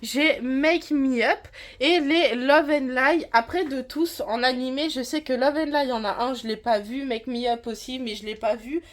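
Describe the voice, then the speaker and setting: A woman's voice: high voice, moderate pace. A woman from France giving a casual, rambling tour of her manga collection, with frequent hesitations.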